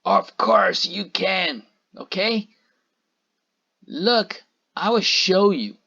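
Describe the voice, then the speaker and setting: A man's voice: medium pitch, expressive, takes it slowly, pushed and bright, heavily acted. A man voicing an impatient, greedy, half-blind old witch who mutters and snaps orders, in a storybook read-aloud. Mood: coaxing. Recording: dull lo-fi recording.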